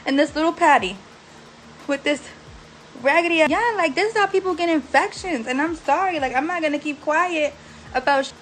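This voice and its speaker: A young woman with a high voice vlogs from a bedroom in a recovery house after surgery, bluntly venting to the camera about her care. Frustrated, aggravated, and worn out, she swears in exasperation. The poor audio carries a slight hiss or hum.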